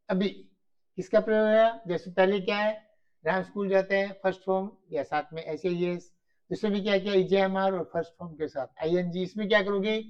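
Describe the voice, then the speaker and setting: A man teaching grammar in a Hindi-mix, explaining slowly and repetitively, asking and answering his own questions. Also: sits high, a little mellow. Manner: mixes Hindi and English. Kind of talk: classroom-style grammar lesson. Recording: dull lo-fi recording.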